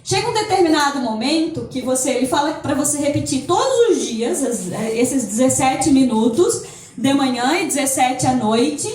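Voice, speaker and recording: Brief: high-pitched woman speaker, motivational talk, mic distant in an echoey hall. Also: normal speed. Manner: lively, acts out inner voices, laughs often. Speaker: speaker at a holistic center.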